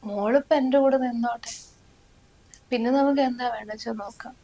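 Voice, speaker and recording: A woman's voice: on the high side, brisk, low-quality recording. Tearful young wife, played by a woman. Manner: soft, pleading, flat delivery. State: crying. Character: ill, tearful young wife, gentle and resigned. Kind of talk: family short film acting.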